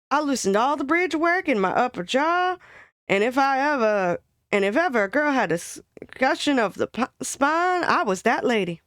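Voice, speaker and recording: A chatty, dramatic working-class girl from an old-fashioned comic monologue, as a woman puts her on. She tells her woes in folksy slang with broad exaggeration, her voice pitched high. The sound is dry and close. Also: no echo. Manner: gabby, colloquial, exaggerated storytelling.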